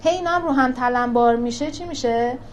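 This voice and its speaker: A woman with a fairly high voice leads a religious lesson on scripture. She keeps posing questions to her listeners and answering them herself, in a lively back-and-forth style. A faint hiss sits under her voice. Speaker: teacher of a Quran class for women.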